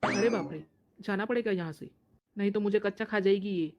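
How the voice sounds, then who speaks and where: A woman playing a lazy, good-for-nothing young husband who coaxes his angry wife and then backs off meekly. She pitches her voice far lower than her own. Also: fairly quick, a little mellow, dull audio, lightly acted. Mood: nervous. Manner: coaxing, then meek and scared. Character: idle lazy husband, young man, easily cowed.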